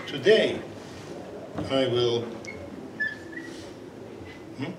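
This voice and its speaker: Animated and medium-pitched, a Serbian-accented man chairs the opening of a conference session, though his speech halts with lots of fillers and restarts. Serbian is his native language. He speaks on a portable mic, and the recording is noisy, distant, and echoey in the hall.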